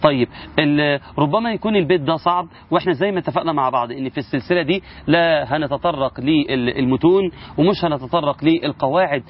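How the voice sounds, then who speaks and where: A man's voice: on the high side, fast, muffled recording. A man with an Egyptian accent, teaching Quran recitation rules in a casual spoken lesson and asking his listeners rhetorical questions. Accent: Egyptian Arabic.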